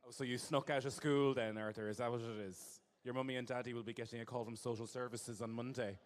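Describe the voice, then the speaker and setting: Handheld mic in hand, this man hosts a live show in a large, echoey hall, teasing the audience in a playful, camp way. He speaks quickly in a mid-range voice with fairly even intonation.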